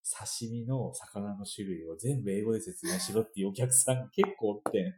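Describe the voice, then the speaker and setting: A young man with a Kansai accent co-hosting a casual chat, relaxed and often chiming in with short agreement. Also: fairly low pitch, normal speed. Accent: Kansai Japanese. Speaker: podcast co-host.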